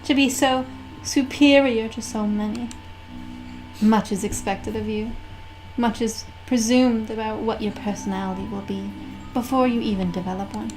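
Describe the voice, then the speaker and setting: A woman's voice: a little high, lightly acted, low-quality recording. Woman acting a haughty, theatrically menacing villain girl over music. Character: haughty young alien woman villain playing at being sinister. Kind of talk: dramatic reading of game dialogue. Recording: music playing behind.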